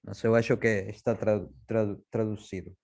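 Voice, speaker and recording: A man with a Spanish-speaker's accent moderates an academic panel in a mellow, soft-edged voice. He is informal and hesitant, restarting as he slips between languages. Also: lowish voice, steady tone, normal speed.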